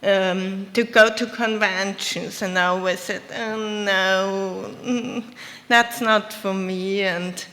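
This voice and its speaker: Slow-talking woman in a hall. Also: mid-range voice, fairly even intonation, a bit bright. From Austria. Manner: hesitant, self-correcting storytelling. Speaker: panelist. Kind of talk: convention panel talk. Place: convention panel room. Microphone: shared handheld mic. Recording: reverberant hall.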